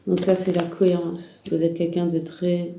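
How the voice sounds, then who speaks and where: A tarot reader with a heavy head cold and sore throat speaks directly to the viewer in a lowish, monotone, dark-toned female voice at normal speed. Her spiritual guidance talk is hesitant and rambling, packed with restarts and fillers. The recording sounds roomy with slight background noise.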